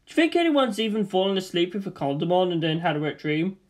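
A reader voicing a crude male video-game buddy, deadpan and drawn-out, in a comic screenplay. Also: medium pitch, close to an everyday voice. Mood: deadpan musing. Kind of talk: comic screenplay read-aloud.

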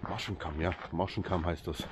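Standing by a lake with noise in the background, a man from Switzerland chats and jokes casually to his viewers. He's a vlogger with a Swiss accent, Swiss German being his native tongue, and his low voice keeps a fairly even intonation at normal speed.

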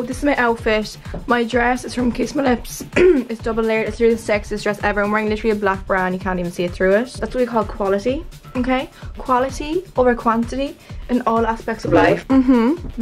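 A woman in her twenties with an Irish accent chatting casually to a handheld camera in a bedroom, dramatic, sweary and self-mocking, often repeating words. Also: fairly high pitch. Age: 20s. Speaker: vlogger. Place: small bedroom indoors. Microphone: handheld vlog camera at arm's length.

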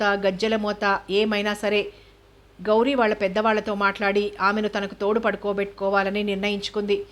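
Woman narrator, novel reading, flat and even delivery. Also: mid-range voice. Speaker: novel reader. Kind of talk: scripted narration.

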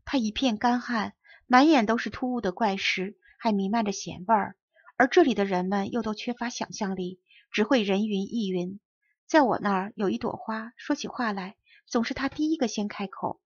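A woman narrating a children's story as an audiobook reader, with clear, even storytelling. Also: medium pitch, moderate pace, no echo. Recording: dull lo-fi recording.

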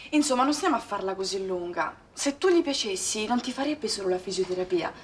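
Actress as a blunt, teasing friend. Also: female voice, medium pitch, animated, a little fast, recorded from a distance, a little hiss or hum, natural voice. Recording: voice a little off-mic.

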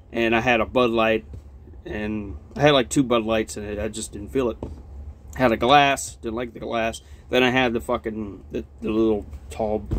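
A young adult man with a lip full of dip, chatting casually and rambling with plenty of swearing as he reviews a product on a vlog. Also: on the low side. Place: small cluttered log-walled room, indoors.

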